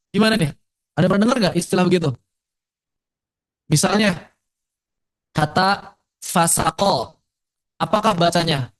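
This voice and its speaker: A man with an Indonesian accent lectures a class on Quran recitation in a relaxed, conversational way. His voice sits fairly high, and he keeps asking his students questions. He drops to a slow, careful pace to demonstrate how words are recited. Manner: lively, asks the audience questions; slows right down to demonstrate recitation. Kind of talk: casual lecture to a live and online class.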